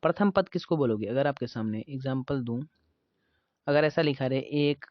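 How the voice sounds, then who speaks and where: A man's voice: medium pitch, normal speed, no room sound, highs cut off. A man teaching a math class in a casual, chatty way, asking questions and answering them himself. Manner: chatty, asks and answers his own questions.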